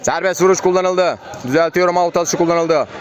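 A man's voice: high-pitched, moderate pace. A man giving live play-by-play football commentary in short, clipped phrases, calling out player names. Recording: crowd and outdoor urban noise behind. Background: crowd at an outdoor match.

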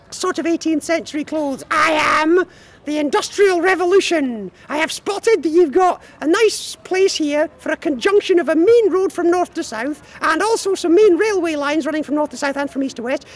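A man voicing a goofy, bantering Scottish sock puppet in a squeaky falsetto, improvising a comedy sketch.

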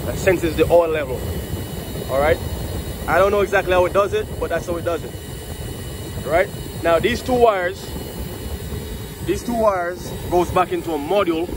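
At a rooftop unit, an HVAC technician and channel host talks through troubleshooting step by step while he works, casual and full of fillers, at a moderate pace with long pauses. His voice sits a little high, and the phone camera in his hand captures heavy outdoor noise and passing aircraft.

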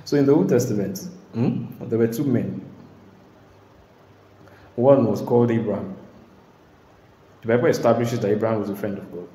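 A man preaching a sermon in an emphatic way, now and then bursting into shouts and laughter. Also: on the low side, moderate pace, long pauses. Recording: echoey hall.

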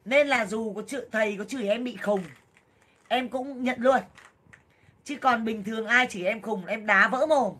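Woman in her 30s yakking on a livestream, loud and blunt, lots of exclaiming, voice sits kinda high. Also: moderate pace, breathy edge. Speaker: livestream seller and vlogger. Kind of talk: casual livestream chat with viewers.

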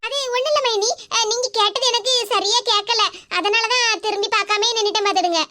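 A very high, squeaky cartoon voice of a tearful pregnant young wife with a Kanyakumari Tamil accent, as a woman acts her out. She sounds remorseful and plaintive. There is a noisy hiss under the dubbed audio. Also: steady tone, fairly quick, sharp tone. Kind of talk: animated cartoon comedy dialogue.

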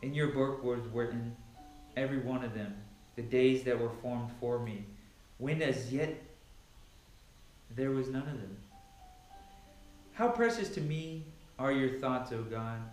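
With soft music behind him, a man talks unhurriedly in a medium-pitched, slightly mellow voice, leaving long pauses. He introduces things casually at home and then reads scripture dramatically. The large, sparsely furnished living room echoes, and the camera picks him up from a few metres away.

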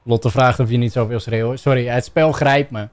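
A young man with a Dutch accent giving excitable gameplay commentary, shouting and yelping playfully as he plays. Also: normal speed, slight background noise. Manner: shouty, playful, bursts into silly high yelps. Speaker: gaming YouTuber.

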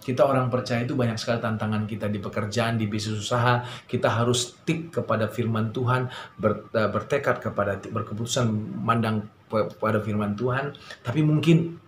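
A man preaching a sermon in a conversational way, often filling pauses and telling stories with animation. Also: lowish voice. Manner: conversational preaching with many fillers; animated storytelling. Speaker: pastor. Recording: roomy echo, faint ambient noise.

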